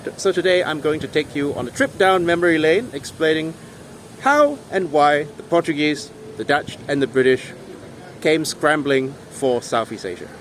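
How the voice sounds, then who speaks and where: Standing in a town square by old buildings, this young-adult history vlogger explains the past to his phone, held at arm's length, in an earnest, lecturing way that stresses key words. His slightly high voice is animated and fairly bright, at a moderate pace. Faint traffic and street sounds drift through.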